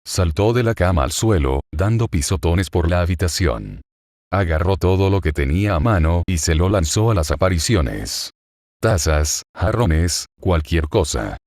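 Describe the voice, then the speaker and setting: A man narrating a fan fiction story aloud in a steady, dramatic reading. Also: low voice, unhurried, no echo, clean studio sound.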